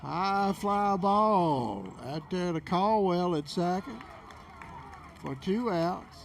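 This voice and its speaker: A male play-by-play commentator calls a baseball game at an unhurried, slow pace. His voice sits a little high for a man and has a gravelly fry. Faint outdoor noise sits behind him. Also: expressive.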